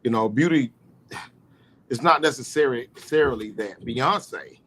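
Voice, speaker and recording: A man's voice: mid-range voice, normal speed, fairly bright tone. A man hosting a podcast in casual chat, rambling with lots of "you know" fillers. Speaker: podcast host.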